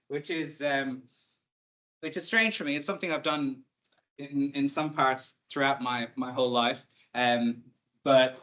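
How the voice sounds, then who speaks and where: An Irish man in his thirties, a university lecturer, gives an online talk in a conversational style with light humor and plenty of fillers. His mid-range voice has a fairly bright tone, though the audio sounds dull.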